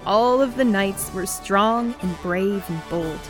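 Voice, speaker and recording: A woman's voice: medium pitch, slow, over music. A woman narrating a scripted fairy-tale adventure in storybook style.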